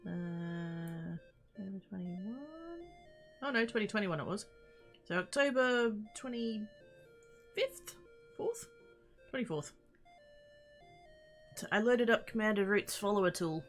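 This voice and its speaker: Playful girl streamer just chatting, kinda rambly, normal pitch, music on in the back. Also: takes it slowly, pauses often. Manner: playful, informal greetings to chat; rambling, easily sidetracked. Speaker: livestreamer. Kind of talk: casual livestream chat.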